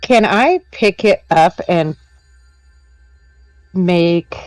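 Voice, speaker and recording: A player in a tabletop game talks hesitantly, with many fillers. The voice is at a middle pitch and sounds dry. Faint music plays behind. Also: animated, very slow, no echo, poor audio. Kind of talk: casual tabletop game chat.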